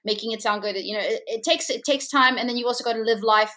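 A woman's voice: on the high side, quick pace, pushed and bright. A woman who grew up in Hong Kong, chatting upbeat as a musician guest over a video call, with frequent restarts. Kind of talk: casual interview chat.

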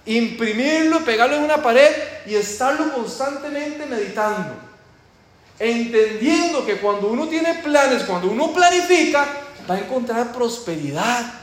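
A man from Costa Rica with a Costa Rican Spanish accent preaches and teaches in a large church, praying and putting questions to the congregation with emphasis. His voice is very high, animated and a little slow. The hall is very echoey, with faint noise in the recording.

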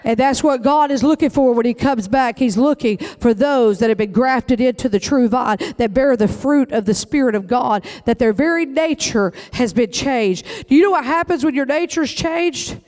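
A man's voice: very high voice, normal speed, hardly any pauses, a little mellow. A male pastor, preaching an emphatic, folksy sermon.

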